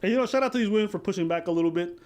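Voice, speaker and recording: Man podcast host, fast talker, fairly high voice, playful. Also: darkish tone. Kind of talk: podcast discussion.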